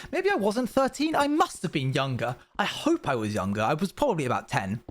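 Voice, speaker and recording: A man's voice: on the high side, wildly swooping pitch, moderate pace, a little hiss or hum. A young man streaming live, telling rambling stories to his viewers with self-aware asides. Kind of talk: casual chat with viewers.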